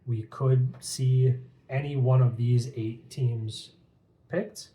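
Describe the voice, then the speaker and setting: A man's voice: mid-range voice, steady tone, takes it slowly, dark tone. A man chatting casually as co-host of a pack opening. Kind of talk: casual chat. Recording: echoey room with faint noise, crinkling packs.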